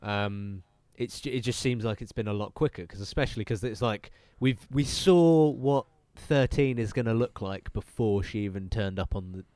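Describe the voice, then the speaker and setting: A man with a lowish, darkish voice co-hosts a casual podcast chat on a dry recording. His nose is bunged up, and he rambles, swears and is quick to laugh.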